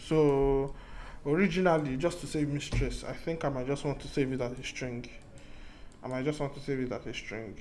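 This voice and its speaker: This man speaks at a medium pitch with a slightly mellow quality, and a faint hiss or hum sits under the audio. He's a programming tutor giving a casual screen-recorded coding lesson, thinking out loud, frequently starting over and going back to repeat his main points.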